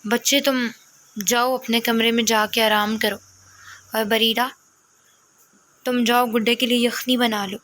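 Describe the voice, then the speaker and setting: A woman voicing a caring mother figure who gives calm instructions. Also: on the high side, pauses often, lightly acted.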